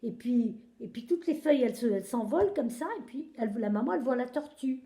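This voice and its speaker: Animated woman telling a kids' story. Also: a little high, quick pace. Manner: animated, expressive, searching for words. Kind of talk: improvised children's story telling. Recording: echoey room.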